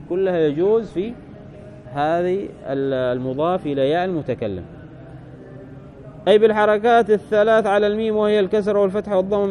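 A man with a notably high voice leads a classical grammar lesson. He reads a passage aloud, then explains it in a measured, patient way. He often stops to check that his listeners follow. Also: a little mellow. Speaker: Arabic grammar teacher.

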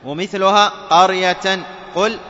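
High-voiced male tajweed teacher in a hall. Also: fairly even intonation, bright, forceful tone. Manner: asks the class "clear?" checks, then demonstrates by chanting words slowly. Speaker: Quran recitation teacher. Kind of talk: tajweed lesson. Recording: dull recording with long hall reverb and faint ambience.

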